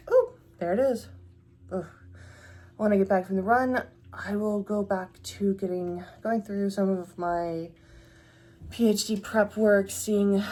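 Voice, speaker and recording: A woman's voice: mid-range voice, darkish tone. A young adult woman talking casually to camera in a vlog, chatty and reflective, with many fillers. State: hiccups. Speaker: vlogger.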